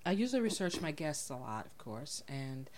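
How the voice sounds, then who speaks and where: A woman hosting a casual interview, chatty and relaxed, laughing often and filling pauses with "um" and "uh.". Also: sits low, a crowd in the background. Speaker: podcast host.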